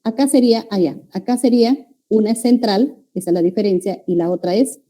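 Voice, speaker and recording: A woman's voice: fairly high pitch, fairly quick, warm tone. A woman with a Peruvian Spanish accent teaching a university-prep language class, explaining step by step and checking in with her students.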